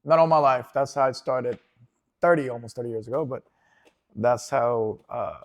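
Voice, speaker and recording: A man's voice: medium pitch, moderate pace. A man in his forties, originally from Venezuela, talks through his childhood in a loose, rambling interview style. He keeps circling back with fillers and restarts, easygoing rather than polished. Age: 40s. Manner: relaxed, rambling storytelling with frequent fillers and restarts. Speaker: jiu-jitsu instructor, guest. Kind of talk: casual interview.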